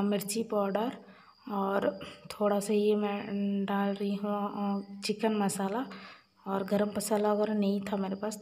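A woman's voice: medium pitch, a little mellow. A young woman chatting casually to viewers while she cooks in her home kitchen, talking to her child now and then. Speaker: home cooking vlogger. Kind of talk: casual cooking vlog chat.

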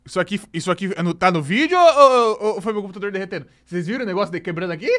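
A man's voice: sits high, expressive, racing, fairly bright tone. A young man with a Brazilian Portuguese accent, streaming a rambling, exclamatory reaction to a trailer. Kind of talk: casual reaction commentary.

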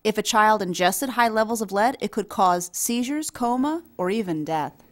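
A woman reading an English voice-over for a signed conversation, explaining things in a steady storytelling way. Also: medium pitch, normal speed. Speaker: voice-over for a signing speaker. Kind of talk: scripted dialogue voice-over.

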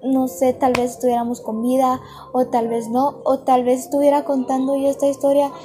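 A woman's voice: high-pitched, level tone, moderate pace. A woman telling a personal story to camera in a chatty, earnest way, speaking straight to her viewers, with music playing behind her. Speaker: vlogger. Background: background music.

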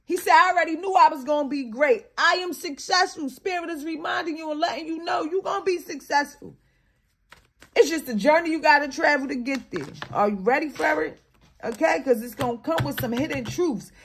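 High-voiced woman doing a spirited reading. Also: a little fast. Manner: emphatic, slangy, keeps tagging lines with "okay?"; swings between low mutters and loud animated bursts. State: morning voice. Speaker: spiritual card reader. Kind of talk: casual spiritual reading to viewers.

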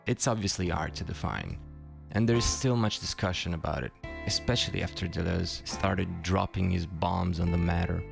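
Over clearly audible background music, a man reads scripted essay narration. His voice is very low and creaky, and he delivers it dryly, slipping in wry asides.

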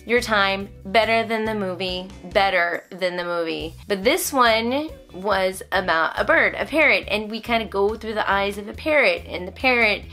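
A homeschooling mom who vlogs, aged somewhere in her thirties or forties, chats animatedly to the camera from a small furnished room in her home, reviewing items and cutting herself off mid-sentence. Her mid-range voice keeps a normal speed with hardly any pauses, and faint music plays behind her.

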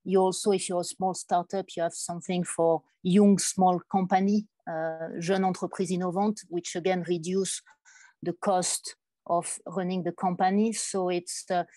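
Mellow, low-voiced woman on a business panel. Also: level tone, normal speed, no room sound. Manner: hesitant, many restarts and fillers. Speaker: startup executive on a panel. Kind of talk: panel discussion.

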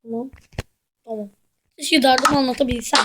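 A woman's voice: high voice, steady tone, brisk, low-quality recording. A woman giving casual commentary while playing a video game, who flares up in frustrated outbursts and mutters to herself. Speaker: gamer. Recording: loud background noise and clicks.

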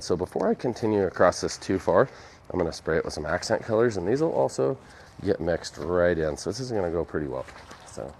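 A young man with a low, darkish voice chats casually and pokes fun at himself while demonstrating epoxy to viewers on a live stream from his workshop. It's recorded on a phone camera, with slight background noise.

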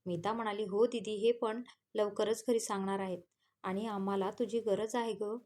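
A woman's voice: medium pitch, steady tone, moderate pace, dark tone. A woman with a Marathi accent reading a romance story aloud, voicing every character's lines in her own voice between plain narration tags.

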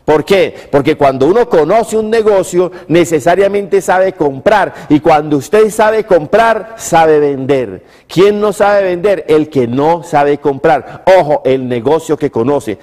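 A man's voice: a little high, a little slow, hardly any pauses, darkish tone. A Colombian man in his fifties giving an emphatic motivational business lecture to camera, teaching through rhetorical questions and repeated phrases. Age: 50s. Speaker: motivational speaker and TV presenter. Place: living-room style TV studio set, indoors. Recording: reverberant echoey room.

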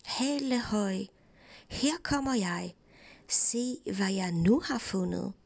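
A woman's voice: medium pitch, expressive, vocal fry, a little mellow, no room sound. A woman voicing a cheerful, foolish young peasant lad who boasts and calls out gleefully.

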